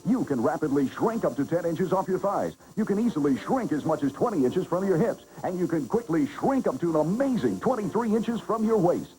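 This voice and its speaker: A male commercial announcer delivers an urgent hard-sell ad. His voice is soft-edged and warm in tone, yet swings widely as he stresses the pitch to the buyer. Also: sing-song, a little fast, hardly any pauses, rough recording. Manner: urgent, emphatic sales pitch.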